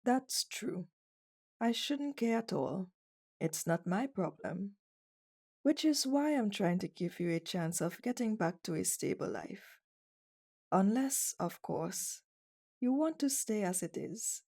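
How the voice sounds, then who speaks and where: For an ASMR roleplay, a woman plays a commanding female CEO in a full character voice, slow, deliberate, soft and mellow in the mid range, expressive, with vocal fry. She comes across as cold and condescending, dominant and a bit flirtatious, with a stern, controlled mood.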